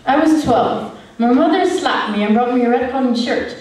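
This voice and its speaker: A young woman performing a stage monologue, telling her story with lively delivery. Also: sits high, moderate pace, lightly acted. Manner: lively storytelling, switching into quoted voices. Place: stage in a hall. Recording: echoey hall from far off, faint noise.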